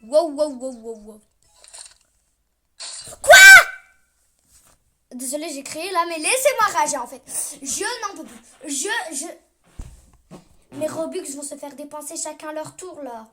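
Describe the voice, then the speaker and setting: A young gaming vlogger chats casually over her gameplay, complaining dramatically and often dropping into a mutter. Her high voice is animated but a little slow, with frequent pauses and background noise.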